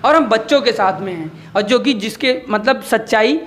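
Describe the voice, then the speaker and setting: A man's voice: sits high, normal speed, a bit bright. Impassioned male teacher making a moral appeal. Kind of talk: opinion discussion.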